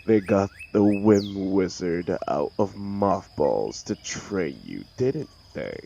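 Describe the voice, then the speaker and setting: A man playing an arrogant, mocking telepathic supervillain in an audio roleplay, with a gravelly voice and a sneering, sarcastic, theatrical manner. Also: deep voice, lively intonation, slow, warm tone, dull audio, slight background noise, full character voice. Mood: scornful. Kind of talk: dramatic audio roleplay monologue.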